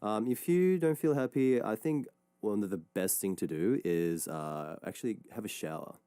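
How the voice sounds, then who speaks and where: Between listener messages, this Australian radio host rambles along in a relaxed manner, stumbling through fillers and restarts. Recorded on a studio mic with no room sound, his fairly low voice is smooth and runs at normal speed.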